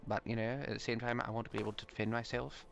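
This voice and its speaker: A man's voice: mid-range voice, flat delivery, racing, creaky, a little hiss or hum. A man chatting casually in character in an online role-play, earnest and a little hesitant.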